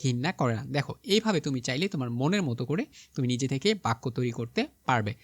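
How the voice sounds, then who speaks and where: A young man giving a spoken English lesson, slowly repeating example sentences and checking in with his students. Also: mid-range voice, expressive, dry recording. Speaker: English teacher.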